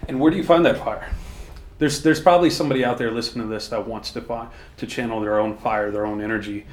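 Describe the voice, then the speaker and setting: A man's voice: mid-range voice, fairly even intonation, fast talker. A man hosting a casual backstage interview, asking loose, rambling questions and laughing often. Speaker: podcast host. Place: backstage at a theater. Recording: roomy backstage echo, faint ambience.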